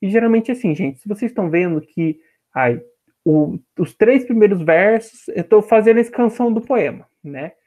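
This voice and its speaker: A young man teaches a literature class in a patient, explanatory way, often pausing to check that his students follow. His voice sits high for a man. When he reads verse aloud, he draws the syllables out slowly. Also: lively intonation, mellow. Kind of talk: online class lecture.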